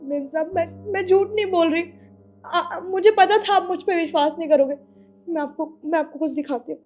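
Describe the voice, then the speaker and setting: This is a frightened young housemaid, played by a woman, crying as she talks and stammering in broken phrases. Her voice sits high yet sounds soft and mellow, with faint music underneath. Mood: tearful. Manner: halting, stammering.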